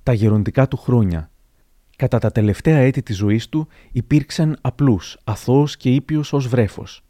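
A man giving a measured, formal scripted reading of historical anecdotes as narrator. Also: medium pitch, dark tone, no room sound, studio quality.

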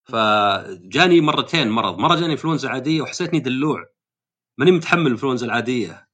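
A man hosts a casual podcast chat, posing long, probing questions. He speaks at a brisk clip with a bright, forceful tone and a mid-range pitch. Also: animated, slightly rough. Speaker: podcast host. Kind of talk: casual conversation.

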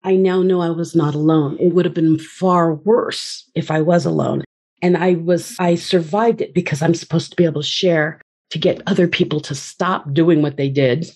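Husky, low-voiced woman telling her story. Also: steady tone, moderate pace, darkish tone. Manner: earnest, reflective, acts out inner voices. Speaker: podcast guest, inspirational speaker. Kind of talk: personal storytelling interview.

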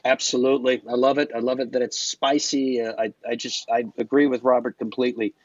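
Reflective male pundit, husky, dry and muffled remote sound. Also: mid-range voice, flat delivery, a little fast, no echo. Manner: thoughtful, reflective. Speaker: podcast guest, golf pundit. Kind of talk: podcast discussion.

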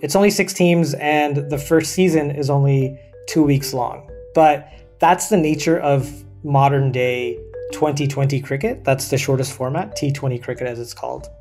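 Man from pakistan, reporter being interviewed, relaxed and chatty, middle pitch, faint music. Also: normal speed. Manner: relaxed, chatty, frequent "like" and "you know". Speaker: senior producer and reporter. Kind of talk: casual conversational interview.

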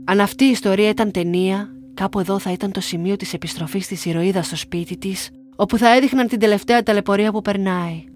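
A young woman from Greece reading her own story aloud in a calm, measured way. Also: medium pitch. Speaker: narrator. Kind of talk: scripted first-person narration. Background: faint music.

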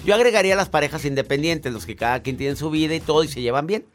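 A man's voice: a little high, quick pace, soft background music. A man hosting a radio show in a chatty, joking way. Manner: chatty and joking, playfully acting out couples. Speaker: radio host. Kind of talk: casual radio chat.

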